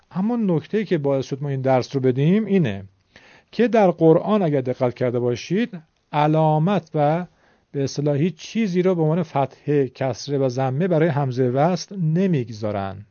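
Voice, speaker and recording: Male teacher, patient and polite lesson delivery, slightly raised pitch, lo-fi recording. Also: expressive, warm tone, dry recording. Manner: patient, addresses viewers politely. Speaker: Quran recitation teacher. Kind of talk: explanatory lesson.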